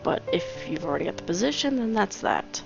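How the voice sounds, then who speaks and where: A woman's voice: medium pitch, very animated, fairly quick, creaky. A woman voicing an easygoing young male bird friend who talks casually and kindly. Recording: dull lo-fi with game music.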